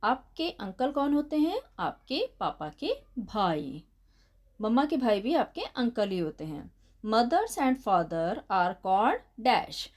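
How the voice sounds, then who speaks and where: A woman teacher with an Indian accent walks children through their answers, her fairly high voice rising and falling with lots of expression. She dictates English at an unhurried pace, spells words out letter by letter, and calls her pupils 'beta'. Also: very animated, a little mellow. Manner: addresses children affectionately as 'beta'. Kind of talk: bilingual classroom lesson explaining answers.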